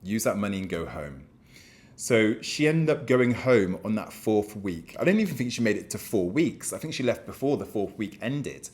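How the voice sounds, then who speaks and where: A man's voice: fairly low pitch, animated, moderate pace, hardly any pauses, darkish tone. A man with a British accent giving casual, blunt talking-to-camera advice as a real estate business owner, often repeating words as he goes. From United Kingdom.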